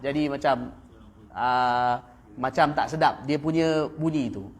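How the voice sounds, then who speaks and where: A man with a Malaysian Malay accent giving a live mosque lecture on Quran verses, often checking in with "kan?" and "ha" and chanting Arabic verses slowly between explanations. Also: medium pitch, fairly even intonation. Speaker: religious teacher. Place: mosque, live evening class.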